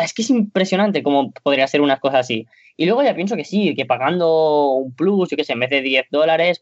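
A man's voice: a little high, no room sound. A man with a Spain Spanish accent talks wrestling in a loose, rambling way that builds into an exasperated rant. The recording is dull and lo-fi, close and dry with no room sound. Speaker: wrestling podcast co-host. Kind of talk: casual opinion chat.

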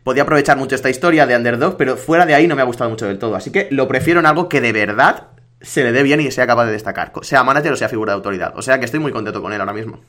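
A man hosting a casual podcast, talking quickly and energetically as he reads out listener questions. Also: mid-range voice, a bit bright. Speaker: podcast host. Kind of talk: casual wrestling podcast chat.

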